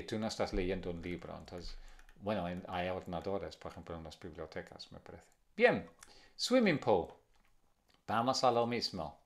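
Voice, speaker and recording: Native Spanish-speaking male teacher, slow, patient, very lively intonation, repeats drills. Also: low voice. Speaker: English teacher. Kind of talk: bilingual language lesson to camera.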